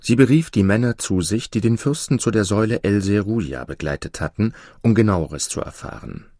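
A man narrating a fairy tale in a measured, dramatic reading. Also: on the low side, expressive, darkish tone, dry recording, clean studio sound. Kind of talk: storybook narration.

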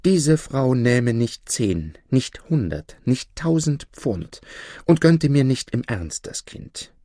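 A man voicing a sly male devil from a folk tale, with a higher, soft and evasive delivery. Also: very animated, slow, no echo, studio quality. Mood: whispering.

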